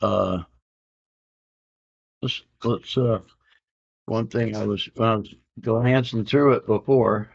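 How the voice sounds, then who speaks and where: His voice sits on the low side, slow and creaky with a slight roughness, and he pauses often. The man, in his fifties, chats about the comic books he won at auction, rambling comfortably with "uh" fillers and slang such as "man" and "I can dig it." Dull lo-fi home camera audio captures him in a room hung with comic art.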